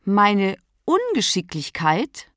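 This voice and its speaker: A woman's voice: medium pitch, wildly swooping pitch, slow, fairly bright tone, dry recording, studio quality, heavily acted. A woman voicing an irritable, prickly woman driver who talks back indignantly, in a storybook reading. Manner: snappish, indignant.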